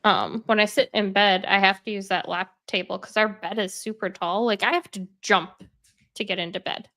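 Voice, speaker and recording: This host speaks in a mid-range, pushed and bright voice with a steady tone at normal speed, chatting casually about hobbies from her bed at home. She rambles, leans on plenty of fillers and sounds slightly congested.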